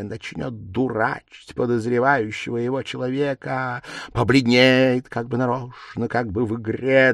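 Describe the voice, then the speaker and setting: A man's voice: medium pitch, gravelly, dry recording, studio quality, pitched above the performer's own voice, full character voice. A man voicing a sly, fussing middle-aged investigator in an audiobook, cooing and mocking. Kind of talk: audiobook character reading.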